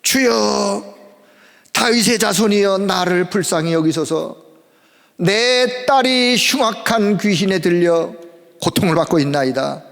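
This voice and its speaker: A man's voice: high-pitched, unhurried, gravelly, a bit bright, full character voice. A male preacher voicing a desperate Canaanite mother begging for help, in an imploring tone, in a church sanctuary with a long reverb. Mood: beseeching.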